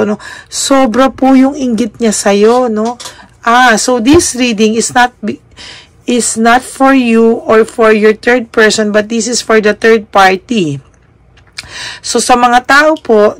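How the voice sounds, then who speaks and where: A woman's voice: fairly high pitch, no echo. A woman giving a tarot reading straight to her viewers. She speaks politely and ends almost every phrase with a questioning tag. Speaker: tarot card reader.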